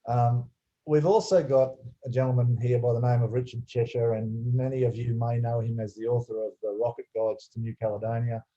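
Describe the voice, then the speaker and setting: A man hosting a webinar, introducing guests in a halting way with many fillers and restarts. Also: medium pitch, flat delivery, warm tone. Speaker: webinar host. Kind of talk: webinar presentation. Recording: slightly dull video call audio.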